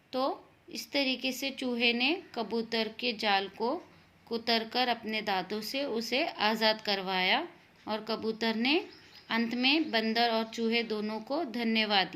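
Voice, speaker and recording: Patient woman teacher for young children, slow and clear, bright and a bit high. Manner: slow, patient, spells out syllables and glosses words in English. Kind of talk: first-grade Hindi lesson.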